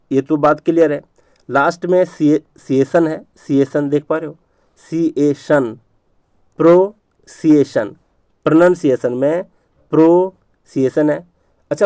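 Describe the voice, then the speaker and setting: A male teacher giving an exam-prep spelling lesson, repeating words slowly and stretching out syllables, with frequent checks on whether the class is following. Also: fairly high pitch, a little mellow, no echo.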